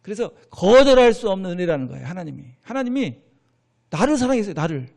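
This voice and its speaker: A man's voice: high-pitched, fast, gravelly. A middle-aged male pastor preaching a sermon in a church, asking the congregation questions and answering them himself. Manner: animated preaching with call-and-response questions to the congregation. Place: church sanctuary.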